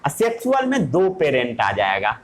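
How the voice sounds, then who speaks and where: A man's voice: on the high side, wildly swooping pitch, normal speed. A man teaching a lesson, asking questions and answering them himself in a playful way. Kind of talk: classroom lesson.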